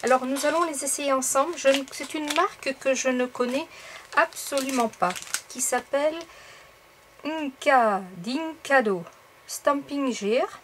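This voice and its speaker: Woman, crafts vlogger, fairly high voice, chatty and rambling, faint hiss behind. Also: measured pace, fairly bright tone. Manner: chatty, many fillers and little asides to viewers. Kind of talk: casual haul video.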